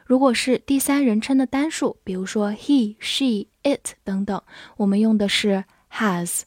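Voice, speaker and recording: A woman's voice: fairly high pitch, a little mellow, dry recording, clean studio sound. Patient young woman teaching English words. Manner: clear, patient explanation, slowing down to spell and drill words. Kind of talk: vocabulary lesson in Chinese with English examples.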